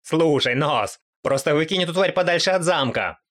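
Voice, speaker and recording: A man reading aloud and voicing a huge goat-headed monster commander who talks in agitated shouts. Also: on the high side, expressive, normal speed, voice pushed up. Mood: exasperated.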